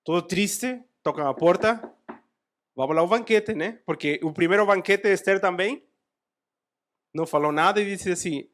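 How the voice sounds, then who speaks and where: A man preaching a sermon in a church, retelling a Bible story with animated asides. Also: high voice, normal speed.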